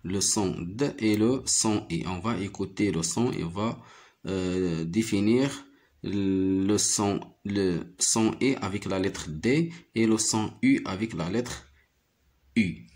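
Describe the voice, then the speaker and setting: A man's voice: on the low side, slow pace, darkish tone. A man teaching a primary phonics lesson, patiently repeating each word and syllable.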